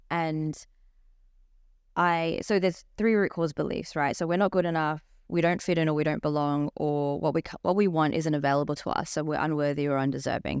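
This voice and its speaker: With a low-pitched, clean tone, this young woman from Australia is a life coach guest on a podcast, sharing her story openly and with animation. The recording is dry, with clean studio sound.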